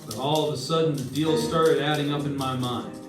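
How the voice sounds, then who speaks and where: On a live stage, a man with a highish, steady, natural voice speaks fairly quickly as a wry, hardboiled insurance investigator narrating his case in clipped old-time radio detective style. The mood is wry and dramatic, and the echoey recording uses a distant mic with music behind.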